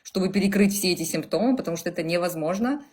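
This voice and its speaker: Woman, 30s, fairly low voice, hesitant client, video call. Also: animated, quick pace, a little mellow, husky. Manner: hesitant, searching for words. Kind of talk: casual conversation.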